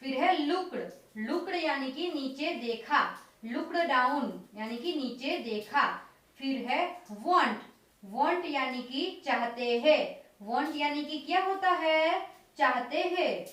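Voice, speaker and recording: A woman teaching a children's vocabulary lesson, explaining each word slowly and repeating it. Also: high-pitched, lively intonation, fairly bright tone. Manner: slow, repetitive word-by-word explaining. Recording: very echoey room, distant mic.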